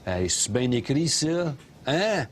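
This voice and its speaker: A middle-aged Québécois taxi driver with opinions on everything, sneering and ranting from behind the wheel. His voice sits in a middle pitch, and faint background noise hangs under it inside the cab. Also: very animated, takes it slowly. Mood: mocking. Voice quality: sarcastic ranting, mocking. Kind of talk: scripted comedy sketch.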